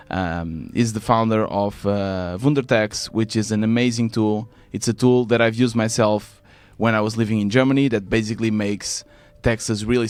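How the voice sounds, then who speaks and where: A man's voice: mid-range voice, clean tone, dry recording. A man hosting a podcast live on stage, opening enthusiastically and asking his guest about his background. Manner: enthusiastic, many fillers. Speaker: podcast host. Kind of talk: casual interview.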